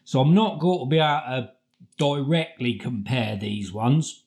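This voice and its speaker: A man's voice: medium pitch, unhurried, darkish tone. Chatty middle-aged British man. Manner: informal, chatty, colloquial. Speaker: food reviewer. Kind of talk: casual review chat to camera. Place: home kitchen, indoors. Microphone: camera across the table.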